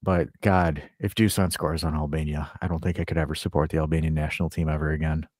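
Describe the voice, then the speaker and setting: Deep-voiced man ranting about football. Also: level tone, fast talker, a little mellow, no room sound, studio quality. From United States. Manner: profane, ranting, exasperated. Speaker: podcast co-host. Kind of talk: casual sports chat.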